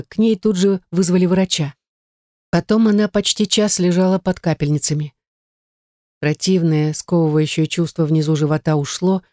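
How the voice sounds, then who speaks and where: An audiobook narrator reading a novel aloud in a steady, dramatic way. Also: mid-range voice, no echo, clean studio sound. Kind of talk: scripted narration.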